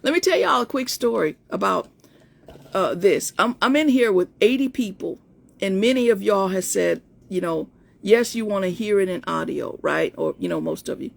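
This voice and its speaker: A life coach in her fifties tells a personal story in a casual live stream to viewers. Her medium-pitched, creaky voice is in-between and not very feminine, and she sounds animated at a moderate pace. She's chatty and restarts often.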